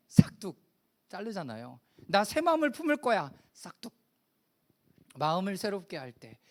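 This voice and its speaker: A middle-aged man preaching a sermon as pastor, talking in a conversational way and asking the congregation questions. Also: sits high.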